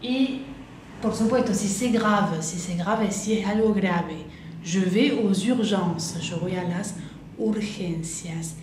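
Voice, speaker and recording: A woman teaching French, patiently repeating each phrase slowly and explaining it. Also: mid-range voice, background noise. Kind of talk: slow explanatory lesson. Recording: echoey room.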